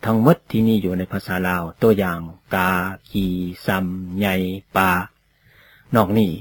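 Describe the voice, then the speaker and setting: A man giving a read-aloud lecture on poetry, slow and deliberate, sounding out example words one at a time. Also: low-pitched, steady tone, slight background noise. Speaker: teacher of poetry.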